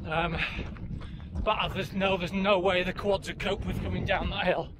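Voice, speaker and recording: A man's voice: high-pitched, level tone, normal speed. A middle-aged man talking casually to camera while running outdoors, active and exerted, as he films a vlog. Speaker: running vlogger. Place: outdoors on open fell trail by a lake. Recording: clear outdoor background noise.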